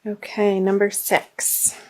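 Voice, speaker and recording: A woman giving a tarot reading, gently reading guidance text aloud, her voice slightly hoarse. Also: mid-range voice, monotone, slow pace. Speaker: tarot reader.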